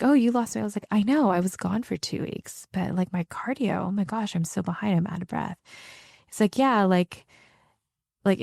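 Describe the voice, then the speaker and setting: Warm, candid woman podcaster. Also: mid-range voice, creaky, dry recording, clean studio sound. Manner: candid and chatty, acts out her own inner dialogue. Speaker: podcast host. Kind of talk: solo podcast monologue.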